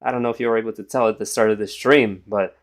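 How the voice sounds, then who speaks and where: A man's voice: lowish voice, steady tone, quick pace. A tired young man with a morning voice, thinking aloud as he streams chess and trails off into mumbles. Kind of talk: casual live-stream commentary.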